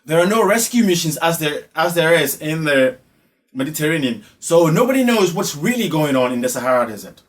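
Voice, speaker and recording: This online commentator is a man from Ghana who speaks with a Ghanaian accent in a fairly high, sing-song voice at a brisk pace. He delivers spoken social commentary emphatically, repeating phrases for effect.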